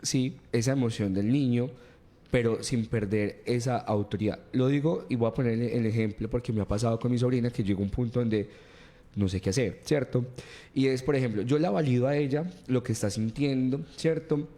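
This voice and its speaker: A man co-hosts a talk show and asks earnest questions. His voice sits at an ordinary pitch with a dark, mellow tone. He keeps checking in with a repeated tag question. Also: fairly quick. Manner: earnest, restates points, uses tag question cierto. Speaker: co-host.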